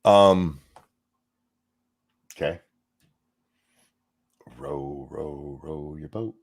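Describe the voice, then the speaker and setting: This co-host speaks very slowly in a bass voice. On his casual political commentary show, he reads the news, then veers into sarcastic, profane mockery, moving from deadpan reading to taunting asides.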